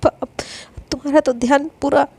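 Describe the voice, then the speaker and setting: A woman voicing a tearful, defiant older sister about to be married, pleading and accusing in halting repeats. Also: high-pitched, steady tone, vocal fry, darkish tone. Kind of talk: dramatized story reading.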